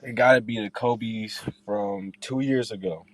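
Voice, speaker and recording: A man's voice: lowish voice, a little slow, low-quality recording. A young man speaking as an interviewed basketball player, in an informal way, often repeating and rephrasing his points. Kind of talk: casual interview chat.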